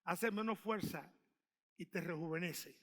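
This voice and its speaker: A male pastor, preaching a sermon with shouts and call-and-response. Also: high voice, a little slow, long reverb tail.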